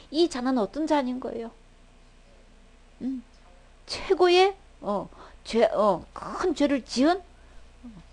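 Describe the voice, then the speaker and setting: A woman's voice: a little high, a little mellow. A woman with a Seoul Korean accent preaching a sermon, emphatic, often asking the congregation questions and using many fillers.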